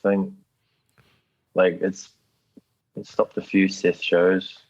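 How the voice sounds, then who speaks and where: Male musician guest, Kiwi accent, low husky voice, easygoing slangy chat, slightly lo-fi sound. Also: completely flat delivery, slow, no echo. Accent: New Zealand. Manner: laid-back, slangy, matey. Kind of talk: casual chat. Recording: dull lo-fi call audio.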